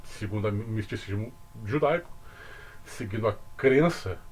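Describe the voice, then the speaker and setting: A man with a Brazilian accent explaining religious ideas in casual talk, deliberate, with asides to the viewer. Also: lowish voice, animated, darkish tone, slightly rough. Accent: Brazilian Portuguese. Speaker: religious commentator.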